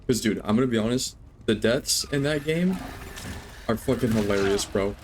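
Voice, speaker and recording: A man's voice: mid-range voice, normal speed, background noise. A young adult man streaming a game, rambling, joking and swearing as he chats with viewers. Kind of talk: live gameplay commentary.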